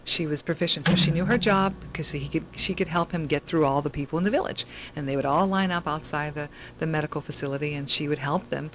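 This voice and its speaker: A woman's voice: deep voice, fast, hardly any pauses, noisy background. A woman hosting a talk show, telling a long story in a rambling way with many fillers and restarts. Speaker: host.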